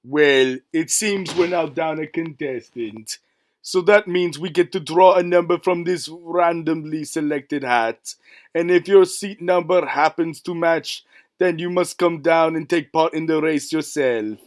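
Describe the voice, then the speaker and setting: Man doing a brash race announcer, booming, showy, raised high pitch. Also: unhurried, close to an everyday voice.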